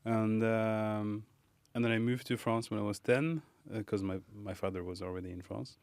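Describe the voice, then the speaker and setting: A man from Morocco, a pastry chef guest in a casual interview, speaking thoughtfully with many pauses and fillers. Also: fairly low pitch, steady tone, a little mellow, clear, resonant tone, no echo.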